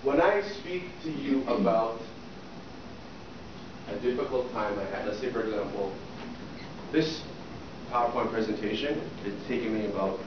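A middle-aged man with a lowish voice leads a workshop on interview prep as a soft skills trainer, regularly asking the class questions and checking with "okay?" He is in a small indoor classroom with a projector screen. The camera sits far away at the back, so the recording is distant, roomy, echoey, muffled and noisy.

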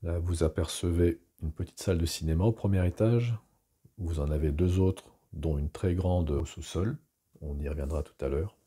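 Deep husky-voiced man guiding a tour. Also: normal speed. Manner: relaxed guide voice with fillers. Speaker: guide giving a shop tour. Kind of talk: narrated walkthrough tour. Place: multi-floor hi-fi store, indoors.

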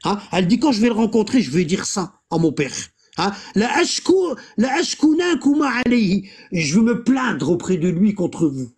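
A speaker leading a casual religious discussion, reading Arabic passages aloud and translating them with many pauses and fillers. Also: mid-range voice, animated, a little mellow, slightly rough. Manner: explanatory, halting, many fillers, reads Arabic texts aloud then translates; keeps pointing listener to the text.

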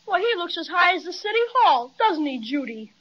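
A woman's voice: extremely high pitch, sing-song, brisk, a bit bright, slight background noise, heavily acted. A woman voicing an eager, plucky young boy in a 1930s radio drama. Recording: muffled 1930s radio transcription.

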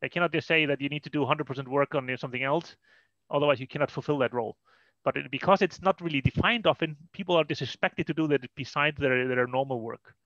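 At an online meetup, an Icelandic-accented data consultant gives a relaxed, explanatory technical presentation indoors over video call, often using "you know." His fairly high, slightly bright voice moves at a quick pace, and the dull lo-fi call audio has no echo.

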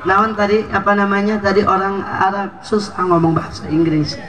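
High-voiced Sundanese preacher joking. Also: male voice, fairly even intonation, normal speed, noisy background. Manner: joking, switching between Sundanese and Indonesian, asking the crowd. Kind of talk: humorous sermon. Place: outdoor village religious gathering.

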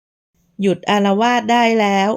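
A woman voicing a deep-voiced stern young father. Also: fairly even intonation, unhurried, close to an everyday voice. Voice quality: deep, soft, soothing. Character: tall stern man, a doting young father.

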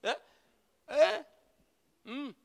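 A middle-aged man preaching a passionate sermon as senior pastor, mixing in Swahili phrases and rising to shouts. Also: very high voice, expressive, extremely slow, gravelly, big-room sound. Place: church hall.

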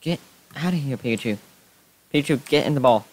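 Excitable young man playing a game. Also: medium pitch, brisk. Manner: excitable, yelps and shouts when startled. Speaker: Minecraft YouTuber. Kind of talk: casual gameplay commentary.

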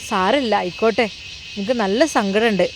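A woman's voice: mid-range voice, a little fast, slight background noise, close to an everyday voice. A woman voicing a young woman friend who coaxes and presses insistently. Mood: coaxing. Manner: coaxing and insistent.

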